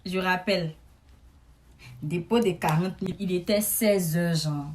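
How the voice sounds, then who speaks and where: A woman, telling a comic story to camera in a chatty, animated way, with frequent asides to her listeners. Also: lowish voice, a little slow, a little hiss or hum. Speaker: comedic storyteller.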